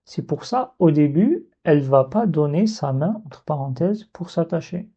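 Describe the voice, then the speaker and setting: Slow, patient man teaching letters. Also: fairly high pitch, lively intonation, mellow, breathy edge. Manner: patient, repeats and breaks sounds into syllables. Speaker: Arabic teacher. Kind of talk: video lesson. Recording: dull lo-fi recording.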